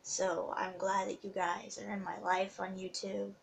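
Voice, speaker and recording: A young woman talking to her viewers in an emotional confessional vlog, heartfelt and halting, close to tears. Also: mid-range voice, flat delivery, creaky, crowd noise. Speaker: vlogger.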